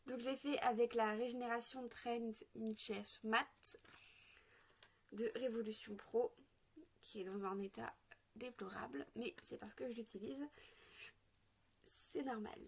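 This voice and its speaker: Woman talking thru her makeup look, a bit high voice, lots of euhs, faint noise behind. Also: fairly even intonation, measured pace, long pauses. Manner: chatty, hesitant with frequent fillers. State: sick, occasional coughing. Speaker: makeup vlogger. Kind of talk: casual makeup tutorial.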